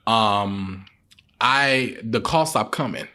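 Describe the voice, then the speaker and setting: A man, a celebrity publicist, telling stories as a guest in a casual podcast chat, emphatic and repeating words as he gathers his thoughts. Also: slow pace. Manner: animated, emphatic, leaps up in pitch when excited.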